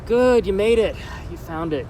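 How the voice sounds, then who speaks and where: A man playing a nervous, placating character who speaks haltingly in a naturalistic audio drama. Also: sits high, animated, warm tone, slight background noise, low-quality recording. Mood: nervous, apologetic. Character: nervous, apologetic man hiding something from a hired helper.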